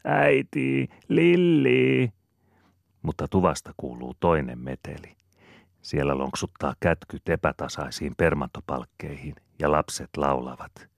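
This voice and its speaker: Very deep-voiced male audiobook narrator. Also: dry recording, studio quality. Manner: even, measured storytelling. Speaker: audiobook reader. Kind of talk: scripted narration.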